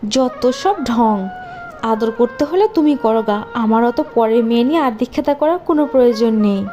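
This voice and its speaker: Woman playing a harsh cartoon stepmother, scolding, sneering, high and thin voice. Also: moderate pace, a little mellow, close to an everyday voice. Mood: scornful. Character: cruel scheming stepmother, harsh and scornful. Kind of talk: cartoon voice acting. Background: faint background music.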